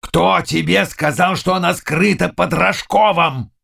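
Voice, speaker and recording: A man reading an audiobook voices a hoarse, gruff, bellowing old nobleman. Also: sits high, fairly even intonation, measured pace, fairly bright tone, voice pushed up, full character voice. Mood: fierce. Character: old blustering male nobleman, bald.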